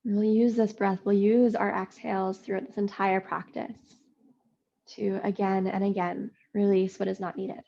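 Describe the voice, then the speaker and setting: Soft-spoken gravelly woman guiding yoga. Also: medium pitch, level tone, muffled recording. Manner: slow, soothing, drawn-out phrasing with long pauses. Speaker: yoga teacher. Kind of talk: slow guided yoga meditation.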